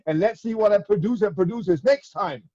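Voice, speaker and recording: A man's voice: high-pitched, fairly quick, mellow, highs cut off. A man co-hosting a children's show in a chatty presenting style.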